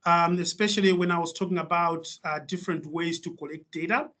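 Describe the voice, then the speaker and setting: Malawian man, guest webinar speaker, slightly high voice, halting and filler-heavy, video-call audio. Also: steady tone, bright, forceful tone. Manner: hesitant, many fillers and restarts. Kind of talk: webinar presentation.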